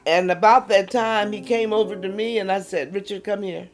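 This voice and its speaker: An older woman tells her story in relaxed conversation, lifting into other people's voices when she quotes them and dropping soft at the tense moments. Faint music plays underneath. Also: mid-range voice, moderate pace. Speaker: interviewee.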